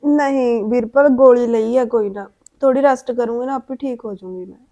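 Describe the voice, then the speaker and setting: An actress with a Punjabi accent playing a bossy older sister-in-law who scolds and snaps irritably. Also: female voice, on the high side, normal speed, warm tone, dull audio, close to an everyday voice. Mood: tired.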